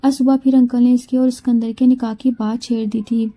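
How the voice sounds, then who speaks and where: Woman narrating a novel in a dark, mellow voice. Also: a little high, level tone, fairly quick. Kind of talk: scripted story narration.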